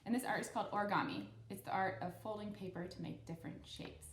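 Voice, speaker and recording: A woman hosting kids' storytime reads a story aloud and gives step-by-step craft instructions, explaining things simply and encouragingly to children; she is both storytime host and craft instructor. Her mid-range voice is quick and lively in intonation. The room sounds roomy and echoey, with slight background noise.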